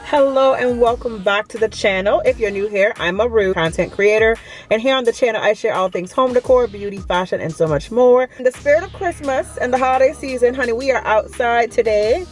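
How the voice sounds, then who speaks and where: A woman vlogger, talking in a chatty, excited way at an outdoor holiday market. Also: a little high, a little fast, faint music behind. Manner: excited, chatty, says y'all a lot. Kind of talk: casual vlog chat.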